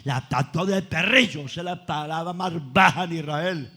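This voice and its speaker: A man preaching a Pentecostal revival sermon in a church with a Colombian accent, swinging from shouted praise to low, intimate tones. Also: normal speed. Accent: Colombian Spanish. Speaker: pastor. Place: church service before a congregation.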